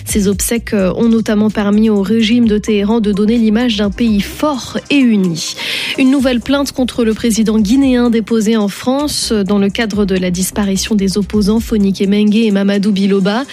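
A woman anchoring a radio news bulletin, reading briskly and clearly with the odd filler. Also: mid-range voice, steady tone, mellow, faint music behind. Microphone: studio microphone.

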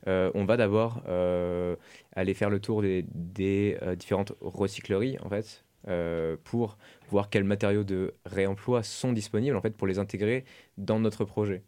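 A man's voice: fairly low pitch, steady tone, a little slow, mellow, clean tone. A young man, an architecture student, explaining on a radio show with many hesitations. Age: young adult. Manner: hesitant, many fillers and restarts. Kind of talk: radio interview.

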